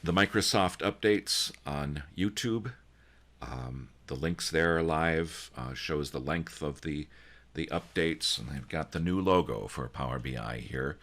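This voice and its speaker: A man with an extremely deep voice hosts an online meeting over a video call. His tone is bright and forceful despite the low pitch. He talks in a folksy, joking way with plenty of ums and restarts. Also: measured pace. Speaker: user group organizer and host. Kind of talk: casual online meeting presentation.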